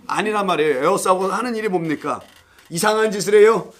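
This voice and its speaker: A man's voice: high-pitched, fast. A male pastor teaching a Bible study class, playful, quizzing his listeners and laughing often. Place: church classroom.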